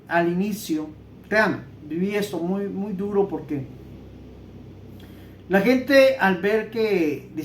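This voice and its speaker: A man's voice: high voice, fairly bright tone, slight background noise. A man with a Central American Spanish accent, teaching the Bible in an earnest, conversational way and often repeating words. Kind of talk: Bible teaching sermon with personal testimony. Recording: roomy echo.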